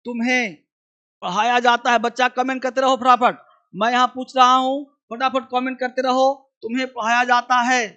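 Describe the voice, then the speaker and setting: High, bright-voiced man drilling a class. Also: flat delivery, lo-fi sound. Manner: urgent, repetitive drilling, keeps urging viewers to answer fast. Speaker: English teacher. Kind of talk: live online lesson.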